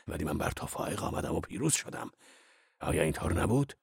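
A man voicing a calm, unafraid old wanderer who speaks steadily and mocks his rival in an audiobook. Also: vocal fry, slightly rough, dry recording, clean studio sound, exaggerated voice. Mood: calm mocking. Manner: steady, taunting, low-key. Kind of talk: audiobook character voice.

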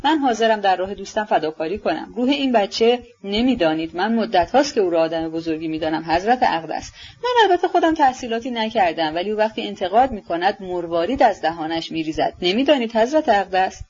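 A woman's voice: mid-range voice, lively intonation, a little mellow, husky. Woman reading an eager, fawning man. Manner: ardent, obsequious. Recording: dull lo-fi recording.

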